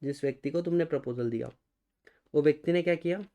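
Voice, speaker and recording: A man's voice: a little high, quick pace, dark tone. A man with an Indian accent teaching law, who keeps asking his students rhetorical questions and answers them himself. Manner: mixes Hindi and English, addresses students as guys. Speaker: law lecturer. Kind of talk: recorded exam-prep lecture.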